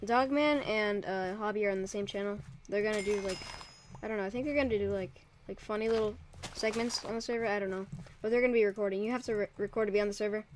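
His voice is high and there's slight noise behind it: a young man, probably a teen, hosting a Minecraft server and chatting loosely over his let's play. He's easily spooked and wanders in his talk. The desk mic sits in a home room by a window, and he keeps drifting off it.

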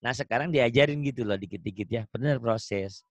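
A man teaching Quran recitation over an online call, chatting and coaching, then chanting example verses slowly and melodically. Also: mid-range voice, no echo. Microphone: video call.

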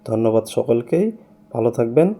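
Bengali-speaking man teaching slowly, mellow voice. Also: medium pitch, expressive. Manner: repeats each word slowly for learners. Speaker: language teacher, channel host. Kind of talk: screen-recorded language lesson.

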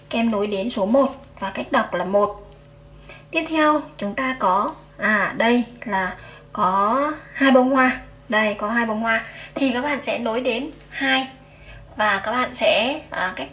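Female teacher, slightly high voice, patient counting for first graders. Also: a bit bright, slight background noise. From Vietnam. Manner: slow, patient counting aloud to children. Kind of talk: first-grade math lesson.

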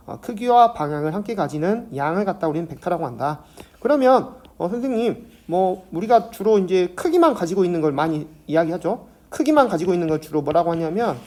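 Woman math teacher, lowish voice; patient lecture, poses questions and answers them herself. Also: warm tone. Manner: explains step by step, asks and answers her own questions.

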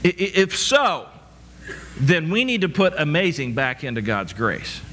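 A man's voice: fairly high pitch, animated, a little slow, fairly bright tone, a little hiss or hum. A middle-aged man preaching a sermon from a church stage, asking rhetorical questions and restarting his words as he walks about. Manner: repetitive rhetorical questions, frequent stammered restarts. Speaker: pastor.

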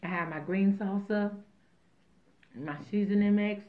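A woman's voice: mid-range voice, unhurried, a little hiss or hum. A woman hosting a mukbang video, chatting casually and rambling with jokes between bites. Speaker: mukbang host. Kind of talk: casual chat while eating. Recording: tinny phone-like sound.

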